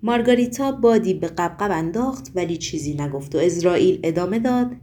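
A woman's voice: on the low side, lively intonation, warm tone, a little hiss or hum. Woman narrating an audiobook. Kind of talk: scripted narration.

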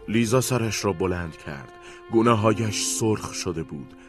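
A man narrating a radio drama in a measured, even storytelling voice. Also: lowish voice, soft background music. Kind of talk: scripted narration.

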